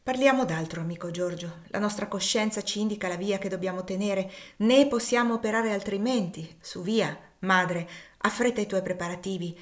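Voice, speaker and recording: A woman gives voice to a devout older man, steady and kindly, who speaks in a measured, solemn way, as if reading scripture aloud. The pitch is even and middle, and the telling belongs to a storybook audiobook. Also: close to an everyday voice. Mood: calm.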